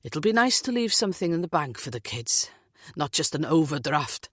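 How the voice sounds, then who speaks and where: A woman's voice: deep voice, sing-song, moderate pace, husky, no echo, exaggerated voice. A woman voicing a blunt, jokey middle-aged Welsh man who grumbles, in a dry close recording. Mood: grumbling.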